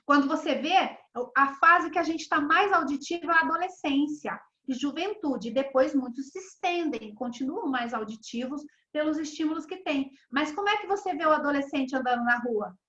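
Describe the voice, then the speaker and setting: A woman, a therapist and mentor, giving a chatty, animated online mentoring class and acting out little dialogues. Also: high-pitched, normal speed, few pauses. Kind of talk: online mentoring class over video call. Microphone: video call. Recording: slightly dull video call audio.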